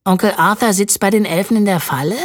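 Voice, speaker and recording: An audiobook narrator voicing an excitable young boy who talks eagerly and loudly. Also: mid-range voice, fast talker, voice pushed up, lightly acted. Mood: excited. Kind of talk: audiobook reading.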